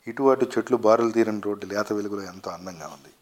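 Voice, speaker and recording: A man reading a short story aloud in a quiet, even narrating voice. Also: on the low side, quick pace. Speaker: story reader.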